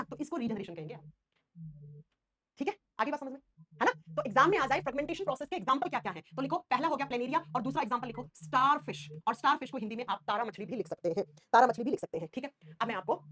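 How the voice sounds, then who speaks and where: A young woman teaching a science class online, animated, repeating key terms and fondly calling students "beta". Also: high-pitched.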